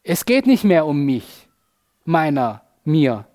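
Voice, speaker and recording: A man's voice: a little high, very animated, slow, warm tone. Conversational man preaching a sermon. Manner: casual, conversational preaching with frequent tag questions.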